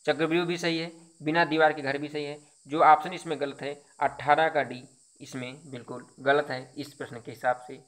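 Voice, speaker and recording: Here a man's voice, on the high side and fairly bright, runs a Hindi exam quiz lesson, covering each question in turn and unpacking the answers through repetition and rhetorical questions.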